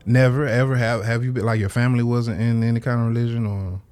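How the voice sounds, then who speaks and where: A man's voice: mid-range voice, fairly even intonation, fast talker, darkish tone, clean tone. A man hosting a podcast, talking in a laid-back, rambling way and laughing often. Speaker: podcast host. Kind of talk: casual conversation.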